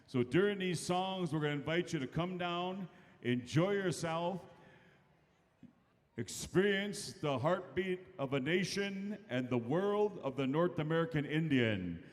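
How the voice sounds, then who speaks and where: A man's voice: a little high, expressive, a little slow. A man working as a powwow emcee, announcing live over a public address system to a large arena. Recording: echoey arena PA, long reverb, loud music.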